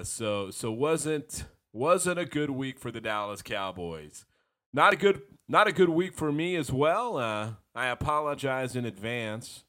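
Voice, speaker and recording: A man hosting a sports fan podcast, talking casually and frankly while hoarse from a cold. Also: medium pitch, sharp tone. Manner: frank, rambling, self-deprecating fan talk. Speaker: podcast host.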